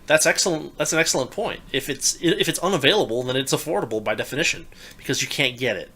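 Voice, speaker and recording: A young adult man in casual political talk, animated and incredulous, often restarting his sentences. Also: mid-range voice, quick pace, slightly rough. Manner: animated, rising to loud incredulous emphasis; restarts and stammers mid-sentence. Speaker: podcast co-host.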